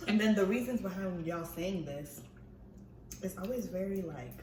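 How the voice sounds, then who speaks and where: A young woman co-hosting a casual chat, blunt and quick with dry one-liners. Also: medium pitch, expressive, darkish tone. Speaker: co-host. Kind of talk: casual chat over a mukbang. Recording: echoey room, distant mic, faint hiss.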